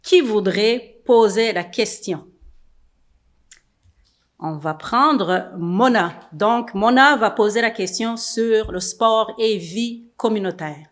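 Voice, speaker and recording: A woman's voice: mid-range voice, slow pace. A woman moderates a studio panel of young people. She hesitates often, with many fillers between her phrases. She adds upbeat little comments as she goes. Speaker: host and moderator.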